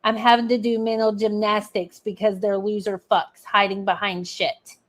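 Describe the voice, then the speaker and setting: A woman's voice: medium pitch, level tone, normal speed. A woman giving casual, sarcastic reaction commentary full of swearing, reading comments aloud as she goes. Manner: profane and sarcastic. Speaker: online commentator.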